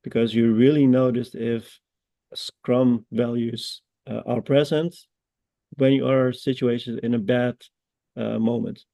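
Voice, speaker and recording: Brief: male guest trainer, dark and gravelly voice, earnest and measured with hesitant pauses. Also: mid-range voice, flat delivery, no echo. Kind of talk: online webinar discussion.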